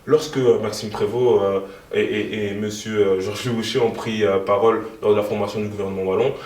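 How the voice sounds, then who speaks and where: A young man in his twenties gives interview answers in a lowish voice, pausing often and filling gaps with ums. He sounds set back from the mic. The room around him is echoey. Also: steady tone, a little mellow, far from the mic. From moved to Belgium in 2013. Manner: hesitant, many fillers. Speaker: guest, youth party co-president.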